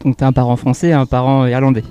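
Relaxed male radio host, warm dark tone, live at an outdoor festival. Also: mid-range voice, racing, highs cut off. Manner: relaxed, casual, laughs easily.

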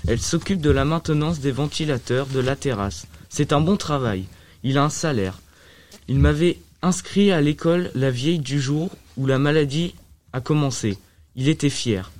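A man voicing a sick, gentle young girl in a storybook reading, soft and weak. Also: fairly high pitch, normal speed, lightly acted. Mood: quiet. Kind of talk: audiobook reading.

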